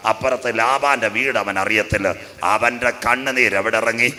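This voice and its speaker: A man's voice: medium pitch, fairly even intonation, normal speed, sharp tone. A male pastor, telling a Bible story with jokes and preaching a sermon.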